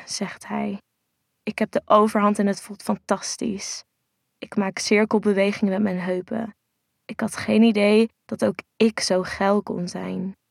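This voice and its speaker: Gravelly, hushed woman storyteller. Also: mid-range voice, no echo, clean studio sound. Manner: soft and intimate, hushed. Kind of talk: first-person erotic audio story narration.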